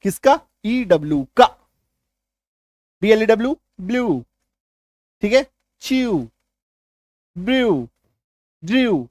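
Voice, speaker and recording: A male teacher giving a spoken lesson, repeating each point and quizzing the listener with quick questions as he drills lists of words. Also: high voice, very animated, darkish tone, no echo. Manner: drills word lists aloud, one word at a time.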